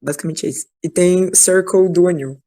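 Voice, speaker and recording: Woman, slightly low, enthusiastic chatterbox, video-call audio. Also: brisk, mellow. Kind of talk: casual chat in an online class.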